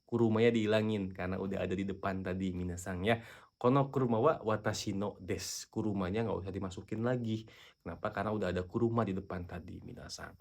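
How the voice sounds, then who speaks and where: Male tutor, lowish voice, chatty, spells out examples slowly. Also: steady tone, gravelly, darkish tone. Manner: repeats a friendly address to viewers and reads example sentences slowly. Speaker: Japanese language teacher. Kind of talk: casual online lesson.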